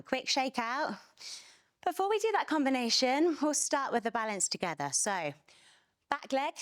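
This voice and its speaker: A woman's voice: mid-range voice, clear, resonant tone, dry recording, clean studio sound. A young adult woman leading a barre workout class, energetically counting reps and cueing moves while a little out of breath. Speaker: fitness instructor.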